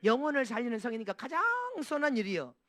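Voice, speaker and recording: A man's voice: extremely high pitch, lively intonation, quick pace, a bit bright, dry recording, studio quality. A male pastor preaching a sermon emphatically, repeating phrases and asking the congregation to answer.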